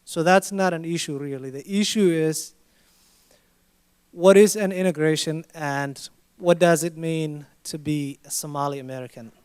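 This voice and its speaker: A man with a high, smooth and resonant voice answers a question at a conference panel. He speaks in a measured, emphatic way and builds to firm points. The sound is dry and close. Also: a little mellow, no room sound.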